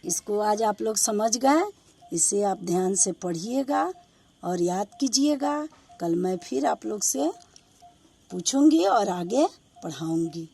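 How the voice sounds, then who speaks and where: A woman's voice: mid-range voice, expressive, takes it slowly, creaky, warm tone, slightly rough. A woman teaching a grammar lesson to children. She asks them questions and answers herself, repeating each point. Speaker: school teacher. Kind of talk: slow classroom Hindi grammar lesson.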